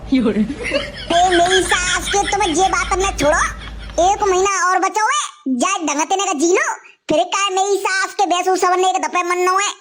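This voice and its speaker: A voice actor playing a loud, scheming village man in a cartoon, rowdy and brash. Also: extremely high pitch, measured pace, slight background noise. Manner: brash, rowdy, full of swear-fillers. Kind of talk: cartoon comedy voice acting.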